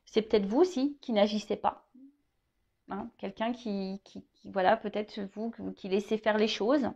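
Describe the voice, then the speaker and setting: A woman's voice: mid-range voice, steady tone, moderate pace, creaky, a little mellow, muffled recording. A woman giving a tarot reading, talking straight to the viewer, hesitant, with many repeated words and fillers, now and then joking. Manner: chatty, addresses viewer directly, jokes. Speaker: tarot reader.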